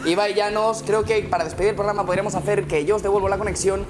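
A man's voice: high voice, flat delivery, quick pace, noisy background. A man with a Spanish accent from Spain doing brash, goading live banter as a show reporter, often swearing freely. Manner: foul-mouthed, goading. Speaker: reporter and co-host of a comedy show. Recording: music behind the voice.

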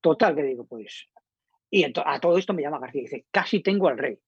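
A middle-aged man with a Spanish accent from Spain tells an anecdote in a husky, rough voice, his pitch swinging widely as he acts out each quoted line. The recording is dull and lo-fi, with a dry, close sound. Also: quick pace, no echo. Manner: animated storyteller acting out quoted dialogue. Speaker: radio journalist guest. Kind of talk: casual anecdote telling.

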